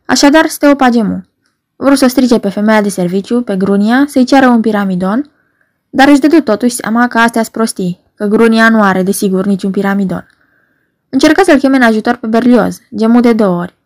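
A woman reading a novel aloud as an audiobook narrator, measured and wry. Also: fairly high pitch, a little mellow.

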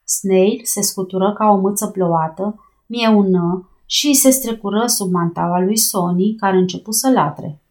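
Female audiobook narrator, mid pitch, lively dialogue voicing, adventure reading. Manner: lively, raising her voice for shouted lines.

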